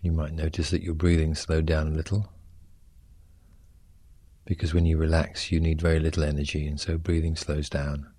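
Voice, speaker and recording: Low voiced guy doing guided relaxation, soft husky edge, gentle and soothing. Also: completely flat delivery, dry recording. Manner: soothing, gently instructing with short unhurried phrases. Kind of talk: guided progressive muscle relaxation.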